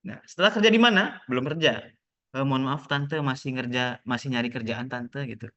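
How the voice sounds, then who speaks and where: Young guy lecturer on a zoom class, bright voice, joking around acting out nosy aunties. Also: mid-range voice, brisk, dull audio. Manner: joking, acts out relatives' questions. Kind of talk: casual online lecture. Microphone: video call.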